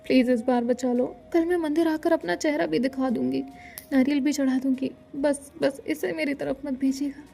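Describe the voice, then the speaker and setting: A woman's voice: high voice, steady tone, normal speed, vocal fry, mellow. A woman narrator voicing a playful, teasing young woman who jokes her way out of trouble.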